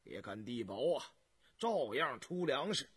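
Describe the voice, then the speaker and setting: A man's voice: medium pitch, sing-song, measured pace, fairly bright tone, slightly rough, no room sound, heavily acted. A man voicing a shrewd old male farmer who grumbles wryly in a folksy way, for an audiobook. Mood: grumbling. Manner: wry, complaining, folksy.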